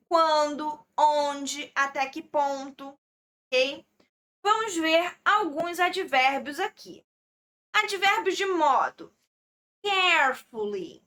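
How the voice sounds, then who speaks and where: Brazilian woman, young adult, high clear voice, unhurried, patient exam-prep English teacher. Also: sharp tone. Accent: Brazilian Portuguese. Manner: patient, explains step by step, checks in with "ok?".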